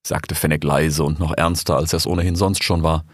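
A man narrating a fairy tale audiobook in a measured, storytelling manner. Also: a bass voice, level tone, no echo, studio quality.

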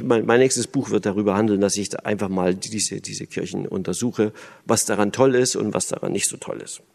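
A man's voice: lowish voice, vocal fry, darkish tone. A man from Berlin giving a lecture on the church, thoughtful, with many fillers and restarts. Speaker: speaker on church and religion. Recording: long hall reverb.

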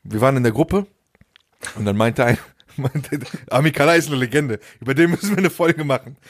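A man's voice: medium pitch, brisk. A young man co-hosting a casual podcast, telling anecdotes, laughing at his own jokes and mimicking other people's voices. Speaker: podcast co-host. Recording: remote call audio.

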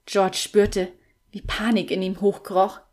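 A woman reads a fantasy tale aloud at a slow, unhurried pace. Her delivery is measured and steady, in the way of a scripted audiobook narration. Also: mid-range voice.

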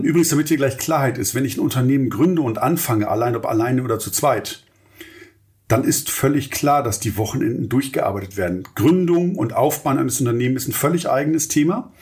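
A man's voice: mid-range voice, darkish tone. A middle-aged man hosts a solo podcast monologue in a mid-range voice. He speaks earnestly, coaching and motivating his listeners directly. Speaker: podcast host, entrepreneur.

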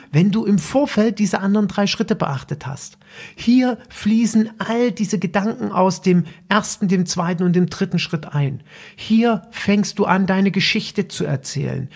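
A man speaks as a business coach on his own podcast, his voice gravelly with a husky, slightly rough edge. He talks straight to the listener in a direct, instructive way, loose and unscripted, with restarts along the way. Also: high voice, a little mellow.

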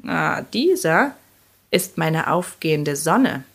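A gruff old witch, put on by a woman reading a storybook, growls her lines slowly and slyly. The voice sits low and menacing. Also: very animated, heavily acted. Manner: growling, slow and sly.

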